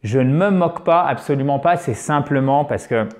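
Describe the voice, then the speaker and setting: A man teaching English pronunciation in French, his native tongue, with animated, exaggerated drills. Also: mid-range voice, normal speed. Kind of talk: video lesson in French.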